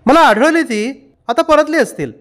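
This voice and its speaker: A man's voice: very high-pitched, lively intonation, moderate pace, fairly bright tone, voice pushed up. A man voicing a teasing village horseman in a novel reading, full of mocking banter.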